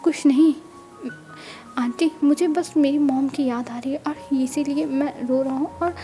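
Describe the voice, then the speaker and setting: Brief: woman narrator doing a heartbroken young man in a spoken storybook, pleading and high-pitched. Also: steady tone, unhurried, warm tone, soft background music. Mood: tearful. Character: sad young orphaned man, gentle and crying.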